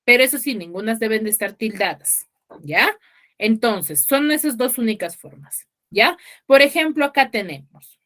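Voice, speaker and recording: A woman's voice: a little high, lively intonation, normal speed, bright, forceful tone. A woman teacher giving an online class, patient and checking in with students often. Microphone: video call.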